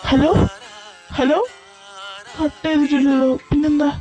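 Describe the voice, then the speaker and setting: A woman's voice: high-pitched, little pitch movement, a little slow, mellow, muffled recording, faint music behind. A woman voicing a worried, caring father in an amateur fan drama, speaking in an anxious, urging way.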